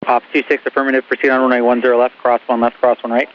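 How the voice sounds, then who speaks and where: A man's voice: medium pitch, level tone, racing. A man working as an airport tower controller, giving air traffic instructions over the radio. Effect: radio transmission. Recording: muffled radio with faint hiss.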